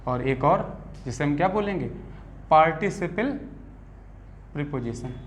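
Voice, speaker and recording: A man from India with a Hindi accent, teaching a grammar lesson in class and constantly quizzing his students with quick questions. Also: a little high, animated, a little hiss or hum. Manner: keeps asking the class quick check questions.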